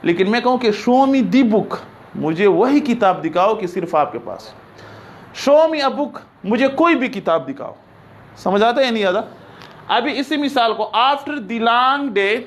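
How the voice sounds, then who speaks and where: A man teaching an English class, explaining slowly, repeating examples and checking that students follow. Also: high voice. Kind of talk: classroom lecture.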